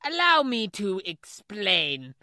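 A woman voicing a crude, spiteful teenage brother who taunts with shouting and cackles. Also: medium pitch, big pitch swings, takes it slowly, no room sound, studio quality, heavily acted.

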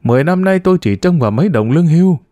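A sharp-tongued older grandmother who snaps and curses in short, blunt bursts, put on by a male storyteller. Her voice leaps up and down with lively swings. The recording is dry and close. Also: on the high side, very fast, dry recording, voice pushed up, natural voice. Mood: scornful. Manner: blunt, curt and abusive.

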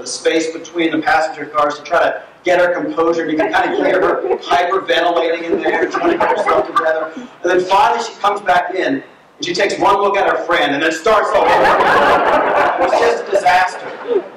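Man, preacher, high voice, storytelling sermon, very echoey church, distant mic. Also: moderate pace, very noisy. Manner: storytelling, animated, with filler words. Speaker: pastor. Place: church sanctuary.

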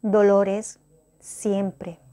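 A middle-aged woman, chatting slowly and deliberately to her viewers, often stopping to correct herself. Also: medium pitch, level tone, warm tone. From Spain. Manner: slow, careful, deliberate speech; chatty, self-interrupting. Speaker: vlogger. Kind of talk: casual talk to camera.

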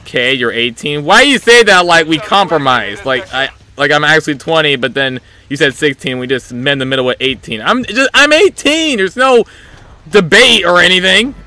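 A young man streaming a shooter game in a small room at home, joking with chat and breaking into sudden shouts, talking into a headset mic. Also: fairly high pitch, expressive, moderate pace. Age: young adult. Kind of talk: casual live-stream chat while gaming. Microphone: headset, seen on webcam.

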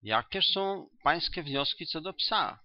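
A man's voice: fairly high pitch, lively intonation, voice pushed up. A man doing a cool, self-assured detective. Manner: measured, confident and dry. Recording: dull, dry audiobook recording.

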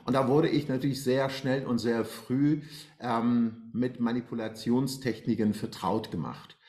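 An Iranian guest in his forties speaks unhurriedly in a medium-pitched, darkish voice with fairly even intonation. He's recounting his life story over a video call from a bright indoor room at home, halting often with fillers, and the sound has a roomy echo.

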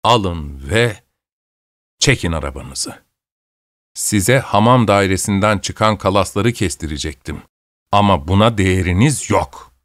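A man voicing a scornful, stern old woman who scolds slowly and low in an audiobook. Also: smooth, no room sound, clean studio sound, natural voice.

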